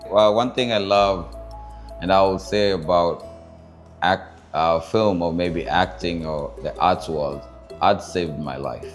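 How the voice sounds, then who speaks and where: A man from Kenya with a Kenyan accent, telling his life story in an interview and often pausing with fillers as he searches for words. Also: deep voice, faint music behind. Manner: thoughtful, searching for words with many pauses and fillers. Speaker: interview guest, founder of a culture group.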